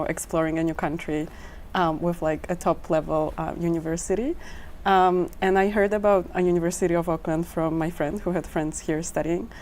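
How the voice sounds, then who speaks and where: Flat-voiced, hesitant woman from Poland. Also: lowish voice, a little hiss or hum. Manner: hesitant, many fillers. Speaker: medical student. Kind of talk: panel answer.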